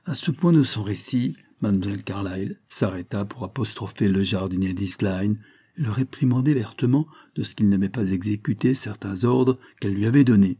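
A man reading a classic novel aloud in a measured, steady narration. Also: fairly low pitch, slightly rough. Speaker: audiobook narrator. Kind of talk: scripted literary narration.

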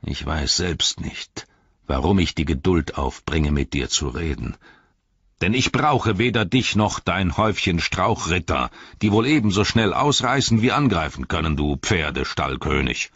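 A man's voice: low-pitched, animated, moderate pace, vocal fry, few pauses, a bit bright, slightly rough, no echo, lo-fi sound, full character voice. An older-sounding man voicing a scheming old male wizard, honeyed one moment and sneering the next. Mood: scornful. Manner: honeyed, then sneering and venomous.

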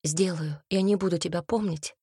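A woman's voice: lowish voice, steady tone, normal speed, dark tone, breathy edge, dry recording, clean studio sound. A woman reading the part of a self-sacrificing young woman in a storybook, speaking in an earnest, pleading way.

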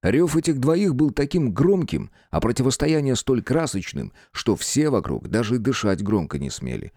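A man narrating a fantasy audiobook in an expressive, dramatic reading. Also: medium pitch, normal speed, no room sound, studio quality.

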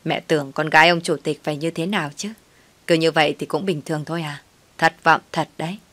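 A woman's voice: sits low, steady tone, fairly quick, a bit bright, no room sound. A woman voicing a scheming older mother-in-law who coaxes and complains. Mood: complaining. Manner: coaxing then complaining.

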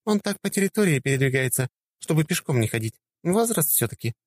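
A man voicing a cheerful young woman student in an audiobook, lifting his voice high and lively. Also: a little fast, dry recording.

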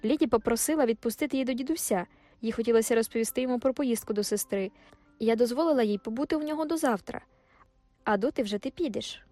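A woman's voice: a little high, quick pace, dark tone, no room sound, soft background music, close to an everyday voice. A woman voicing an eager, cheerful young woman in love in an audiobook. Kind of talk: audiobook character voice.

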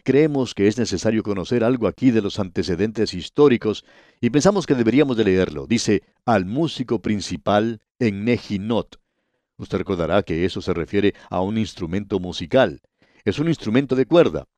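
A man reads scripture and addresses the listener in a scripted radio Bible study, deliberate and measured with slow emphasis. Fairly low in pitch, he has lively intonation and a slightly mellow sound, with no echo.

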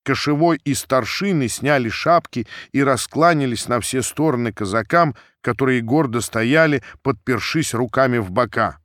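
A man narrating classic prose for an audiobook with an expressive delivery. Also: mid-range voice, moderate pace, hardly any pauses, dry recording, studio quality.

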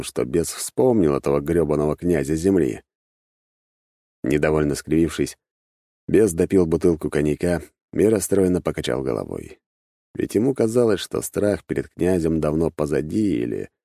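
A man narrating an audiobook in a measured, wry storytelling manner. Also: low voice, warm tone, no room sound, clean studio sound.

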